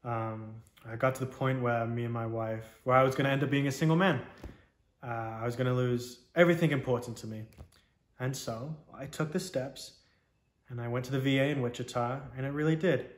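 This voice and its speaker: A man, a military veteran, giving a reflective, halting personal testimony in an interview. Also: mid-range voice, fairly even intonation. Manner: reflective, halting, frequent "you know". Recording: roomy echo.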